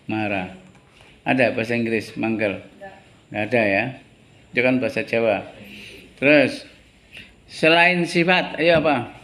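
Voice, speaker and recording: A male teacher, an Indonesian speaker, giving a classroom English lesson, explaining slowly, repeating words and putting questions to his students. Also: mid-range voice, fairly bright tone.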